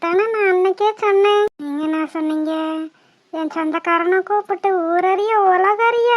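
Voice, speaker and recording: A sharp-tongued young cartoon bride-to-be, tart and scolding as she brushes off her suitor, played by a woman. Her voice is very high and bright. It is recorded dry and close, with no room sound. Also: moderate pace, no room sound, muffled recording. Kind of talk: Tamil cartoon comedy voice acting.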